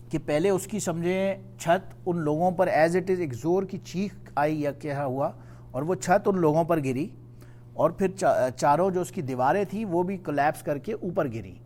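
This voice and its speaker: A man teaching a Quran study class, explaining patiently and reciting verses slowly. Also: on the high side, darkish tone, a little hiss or hum.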